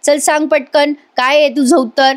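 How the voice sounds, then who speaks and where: A woman's voice: high-pitched, little pitch movement, moderate pace, pitched above the performer's own voice, close to an everyday voice. A woman quoting an angry young husband pressing his wife for an answer. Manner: pressing, reproachful.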